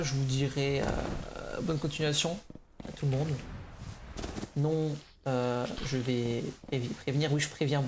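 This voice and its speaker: A young man giving a casual, unscripted update to gaming viewers, hesitant and slightly nervous, often restarting his sentences. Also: on the high side. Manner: slightly nervous, neutral delivery. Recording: clear background noise, clicks.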